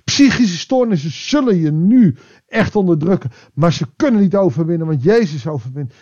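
A man preaching a devotional sermon, reflective and pausing, rising with emphasis and then dropping to a quiet voice. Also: fairly high pitch, animated, lo-fi sound.

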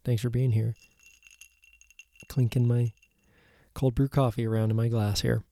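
A man's voice: medium pitch, flat delivery, a little slow, mellow. A man with a slightly froggy, throaty voice hosting a solo podcast in a casual, musing way. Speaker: podcast host.

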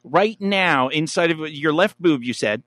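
Bright, animated, high-voiced male podcast host. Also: a little slow, no room sound. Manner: animated, teasing showman. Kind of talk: casual comic podcast banter.

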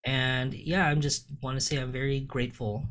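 A woman guest on a casual podcast speaks hesitantly, full of fillers. Her voice is extremely low. A steady hiss and clicks sit under her voice. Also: normal speed. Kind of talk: casual chat. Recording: noisy line with clicks.

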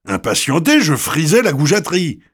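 A man reading a story aloud in a wry, expressive way. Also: on the high side, moderate pace, slightly rough.

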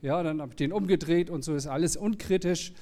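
Man with a high voice, easygoing pastor, anecdotal sermon. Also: brisk, mellow. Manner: casual, anecdotal, explains plainly with everyday examples. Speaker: preacher. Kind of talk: conversational sermon.

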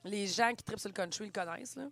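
A woman's voice: mid-range voice, fast talker. A woman with a Québécois French accent, co-hosting a podcast and telling stories in casual chat. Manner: animated storytelling, swears casually. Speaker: podcast co-host.

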